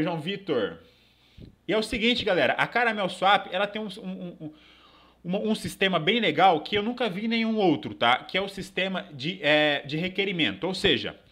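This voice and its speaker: A man's voice: a little high, bright, forceful tone. A young Brazilian man with a Brazilian Portuguese accent hosting a casual live screen-share tutorial, talking loosely with many fillers and tag questions, recorded at his desk in a small room. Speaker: crypto channel host.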